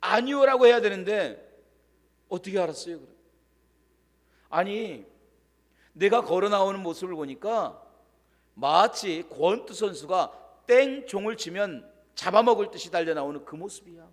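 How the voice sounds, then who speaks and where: High-voiced pastor telling a story in a reverberant church. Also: male voice, animated, normal speed, pauses often. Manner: dramatic storyteller, drops to hushed voice for quoted lines. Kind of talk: sermon storytelling. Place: church sanctuary. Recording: long church-hall reverb.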